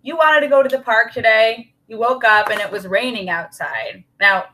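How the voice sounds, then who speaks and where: Woman on a podcast, kinda high voice, super animated, acts out worried thoughts. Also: moderate pace, a little hiss or hum, low-quality recording. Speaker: guest expert on child anxiety. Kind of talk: podcast interview.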